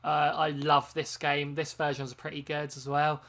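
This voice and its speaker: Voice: mid-range voice, completely flat delivery, a little slow, fairly bright tone. Streamer host, loose rambling chat, lots of ums, tired from a long live stream. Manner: rambling, chatty, frequent ums and self-corrections. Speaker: game channel host.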